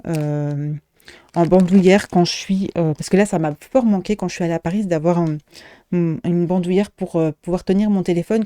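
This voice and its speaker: A woman's voice: fairly low pitch, mellow, dry recording. A middle-aged woman shop owner chatting casually in a show-and-tell vlog, hesitating often with fillers and restarts.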